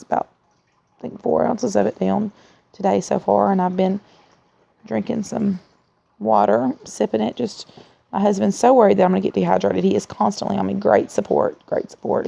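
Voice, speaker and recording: A woman who sounds tired and weak after surgery, talking in a candid, rambling, low-energy way in a casual video diary, with a gravelly, creaky voice. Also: mellow. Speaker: vlogger sharing surgery recovery. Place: at home in a recliner. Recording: dull, lo-fi sound.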